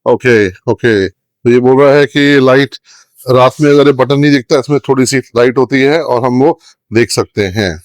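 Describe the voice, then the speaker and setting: Very fast-talking Indian man hosting an explainer. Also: medium pitch. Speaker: video host and interviewer. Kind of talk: explainer vlog interview, switching between English and Hindi. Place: on a ship's bridge.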